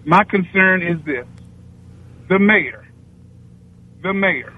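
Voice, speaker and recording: A man's voice: high-pitched, animated, slow. A man in his sixties from Washington, D.C., calling in to a radio talk show on an echoey speakerphone line, blunt and emphatic. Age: 60s. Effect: echoey speakerphone over a phone line. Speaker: caller. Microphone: phone on speakerphone. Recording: echoey dull speakerphone call.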